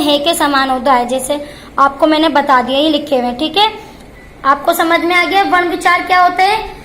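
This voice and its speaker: Female school teacher, high pitch, explains a grammar lesson step by step with constant "okay?" checks, faint background noise. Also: a bit bright. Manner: asks questions and answers them herself, repeats "ठीक है".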